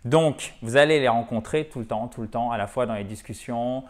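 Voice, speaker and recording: A man's voice: mid-range voice, brisk. A man teaching an English lesson, explaining patiently and often checking that students follow. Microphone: camera.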